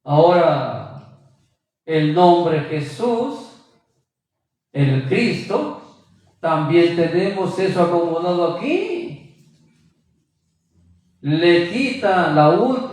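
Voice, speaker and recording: A man's voice: high-pitched, darkish tone, far from the mic. A man preaching a sermon with emphasis, quizzing his listeners with rhetorical questions. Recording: very echoey room, voice from afar.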